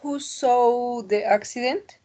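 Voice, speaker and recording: A woman's voice: a little high, slow, warm tone. A woman student answering a teacher's grammar questions in class with careful, tentative replies.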